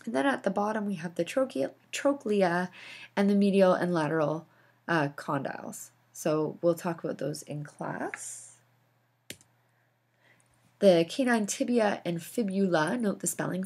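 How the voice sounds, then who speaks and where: A woman's voice: on the low side, lively intonation, measured pace, creaky, darkish tone, breathy edge. A woman instructor explaining anatomy over slides, with casual asides and fillers. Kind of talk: recorded slideshow lecture.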